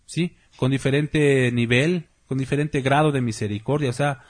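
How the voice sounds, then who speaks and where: Husky pastor preaching conversationally. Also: male voice, mid-range voice, fairly even intonation, moderate pace. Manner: conversational preaching, rhetorical questions to the congregation. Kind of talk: sermon.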